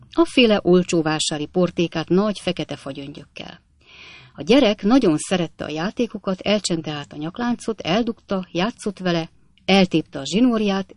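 A woman voicing a flippant young male medical student who tells gruesome stories in a breezy, animated way. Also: lowish voice, dry recording, close to an everyday voice.

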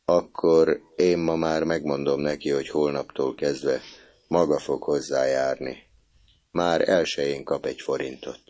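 A kind older student speaks calmly and softly to a younger boy, as a deep-voiced male narrator reads him. The voice stays low, dark and quiet. It sounds like a storybook read aloud. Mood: gentle. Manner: gentle and soft-spoken.

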